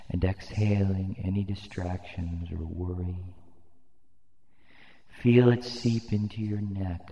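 Slow, deep-voiced male hypnotist. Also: vocal fry. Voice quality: soft, soothing, drawn-out phrasing. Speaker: hypnosis narrator. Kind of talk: slow guided hypnosis induction. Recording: roomy, long reverb, dull lo-fi sound.

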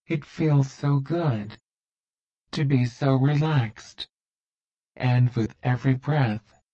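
A man narrating a guided hypnosis relaxation in a soothing, repetitive, deliberate way. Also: on the high side, warm tone, highs cut off.

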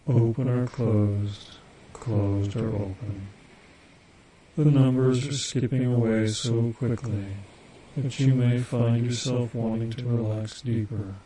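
A man guiding a hypnosis induction, speaking slow, soothing, repetitive suggestions. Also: mid-range voice, mellow, slight background noise, poor audio.

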